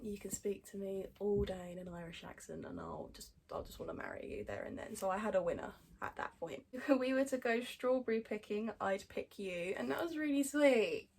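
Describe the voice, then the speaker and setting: A woman's voice: medium pitch, breathy edge. A woman chatting casually as a podcast host, blunt and sweary with sarcastic asides. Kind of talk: casual chat reading out fan messages.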